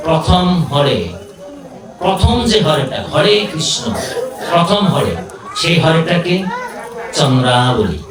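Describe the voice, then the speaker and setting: Male scholar giving a devotional talk, sing-song chanting, rhetorical questions, fairly high voice, heard from afar in an echoey hall. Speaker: religious scholar. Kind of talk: devotional discourse. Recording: echoey room, far from the mic.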